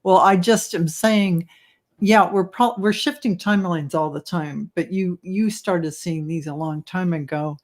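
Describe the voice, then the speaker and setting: A woman's voice: fairly low pitch, unhurried. A woman hosting a casual livestream chat, enthusiastic, often agreeing and reading viewer comments aloud. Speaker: host.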